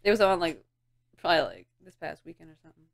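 A woman's voice: lowish voice, sing-song, fast, creaky. A woman co-hosting a podcast in casual chat, giggly and rambling, filling her talk with "like" and trailing off. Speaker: podcast co-host.

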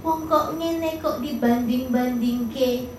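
A woman pastor preaching a sermon in an animated way, acting out quotes and asking the congregation questions. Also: high-pitched, slow, very echoey, slight background noise, low-quality recording.

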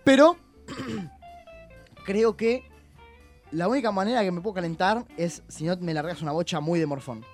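A young man with a Rioplatense Spanish accent, arguing his point in a lively chat among friends. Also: sits high, unhurried, long pauses, soft background music. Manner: animated, argumentative. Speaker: podcast co-host. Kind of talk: casual banter among friends.

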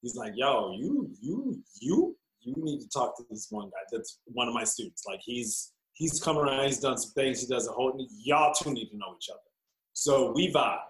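A man's voice: mid-range voice, brisk, fairly bright tone. Almost-forty guy chatting all slangy, mid voice, room echoes a lot. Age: 30s. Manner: loose slangy talk with exaggerated bits. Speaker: guest. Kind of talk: casual chat.

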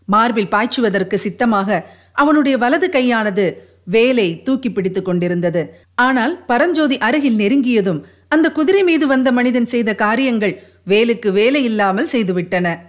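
Woman reading a historical tale aloud. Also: a little high. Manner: steady, expressive reading. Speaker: audiobook narrator. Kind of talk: storybook narration of a historical novel.

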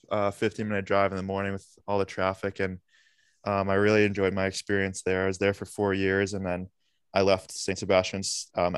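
Young male podcast guest, clear and smooth, dry close sound, measured and earnest. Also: low voice, dry recording. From Massachusetts. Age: young adult. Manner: earnest, measured, frequent fillers. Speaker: podcast guest, college hockey player. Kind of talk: casual interview answers.

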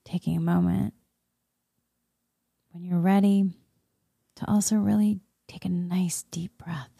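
Female meditation leader; soothing half-whispered murmur, very dark mellow tone, dry close sound. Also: on the low side, fairly even intonation, a little slow, no echo. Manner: soft, breathy, soothing spa-like murmur, often slipping into whisper. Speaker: guided meditation leader, Reiki healer. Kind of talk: soft guided meditation.

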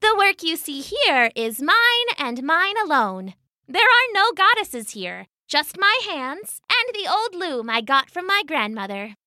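A woman's voice: very high voice, sing-song, unhurried, sharp tone, no echo, studio quality, pitched above the performer's own voice, heavily acted. A woman voicing a proud, defiant young female weaver who talks back boldly and scornfully.

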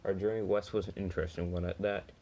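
A man's voice: low-pitched, little pitch movement, fast talker, warm tone, low-quality recording. A man reading a first-person story aloud, plainly, with small slips and restarts.

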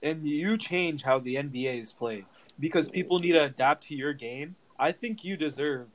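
A man's voice: fairly high pitch, normal speed, a little hiss or hum, poor audio. A man in a casual sports debate podcast, talking hesitantly with restarts, defending his picks. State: voice cracking. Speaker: podcast co-host.

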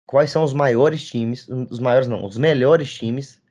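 A man's voice: medium pitch, unhurried, warm tone. Slangy Brazilian man in dull lo-fi audio. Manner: slangy street talk, repetitive and insistent. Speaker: football podcast co-host. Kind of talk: casual football banter.

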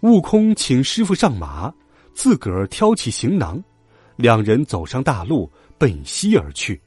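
Lively man telling children's stories. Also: medium pitch, a little slow, slightly rough, dry recording, soft background music. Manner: lively expressive storytelling. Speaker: children's storyteller. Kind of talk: scripted narration for children.

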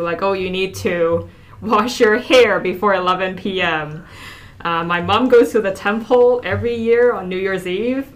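An upbeat young woman hosts a casual podcast chat. She introduces the show and steers the talk with friendly questions. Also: mid-range voice. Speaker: podcast host.

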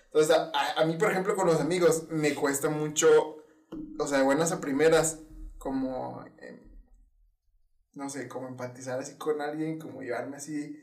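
A young man with a Mexican Spanish accent in a casual chat, speaking in a reserved way that often goes slow and quiet. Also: a little high, steady tone. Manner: reserved, slow and quiet when talking about himself. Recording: roomy sound, a little far from the mic.

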